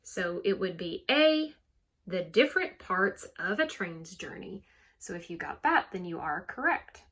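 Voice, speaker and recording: A woman's voice: fairly low pitch, big pitch swings, a little slow, a bit bright, slightly rough. A woman teacher giving a recorded poetry lesson, explaining carefully and stressing words to show rhythm.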